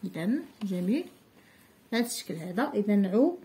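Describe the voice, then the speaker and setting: A woman with a Moroccan Arabic accent teaching young children to write letters, patient and slowly stretching out syllables for them to repeat. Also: medium pitch, big pitch swings, dark tone. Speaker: primary school teacher. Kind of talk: children's handwriting lesson.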